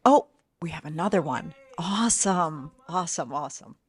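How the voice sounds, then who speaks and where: A woman's voice: sits low, animated, normal speed, husky. A woman co-presenting an informal talk, explaining things plainly and checking in with rhetorical questions. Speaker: co-presenter from a deaf services center.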